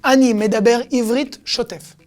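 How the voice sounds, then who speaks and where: High-voiced woman teaching vocabulary. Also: fairly even intonation, over loud music. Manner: explains each word slowly, acts out the expressions. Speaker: Hebrew teacher. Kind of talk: casual vocabulary lesson.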